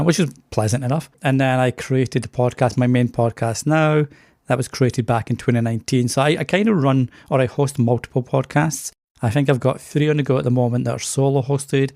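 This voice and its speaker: A middle-aged man from Scotland with a softened Scottish accent tinged with Canadian, chatting easily and with self-deprecating laughs as a podcast guest. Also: mid-range voice, gravelly, no room sound, clean studio sound. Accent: softened Scottish with a slight Canadian tinge. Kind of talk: casual interview chat.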